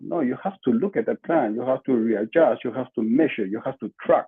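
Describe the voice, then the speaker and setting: Talking a little fast with a breathy edge at medium pitch, an older man from Lima, Peru speaks in a Peruvian Spanish accent. He's a marketing entrepreneur and podcast guest, answering conversationally with emphatic repetition. The audio is a muffled, lo-fi video call from a small room at home, using a computer mic at desk distance.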